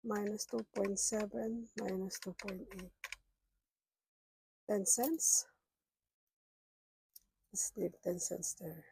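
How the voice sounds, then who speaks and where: Her rough voice showing she's unwell, a middle-aged woman counts cash aloud for a casual budgeting vlog, half talking to herself. She speaks slowly and steadily at medium pitch, creaky and warm, with long pauses. The rough recording carries slight background noise.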